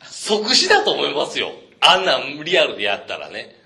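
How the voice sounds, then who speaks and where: A man with a Kansai accent hosting a casual chat show, telling stories in an animated, joking way. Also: a little high, a little fast, creaky. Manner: animated storyteller, chatty and joking. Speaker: podcast host.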